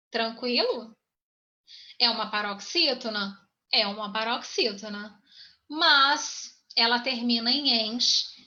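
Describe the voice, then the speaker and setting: In a high, bright voice, a woman gives a grammar lesson and takes her time over each point. She repeats herself often and keeps checking that her students are following. The audio sounds dull and lo-fi.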